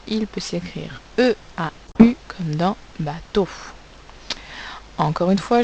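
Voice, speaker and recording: A woman's voice: medium pitch, a little mellow, slight background noise, low-quality recording. A woman teacher giving a recorded phonics lesson to young pupils, carefully spelling out sounds and letters.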